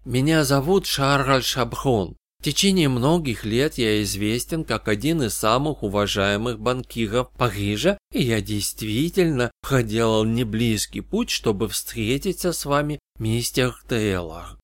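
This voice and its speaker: A man voicing a suave middle-aged French banker who talks slowly and quietly with a French accent. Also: medium pitch, lively intonation, no room sound, clean studio sound, lightly acted. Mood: courteous. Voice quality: hushed, slow and polished, with a French accent.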